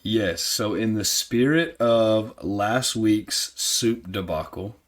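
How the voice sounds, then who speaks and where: A man's voice: on the low side, slow pace. A man co-hosting a podcast with his wife, telling a story casually and teasing her dryly. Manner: dry teasing, easygoing storyteller. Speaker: podcast co-host. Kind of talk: casual chat.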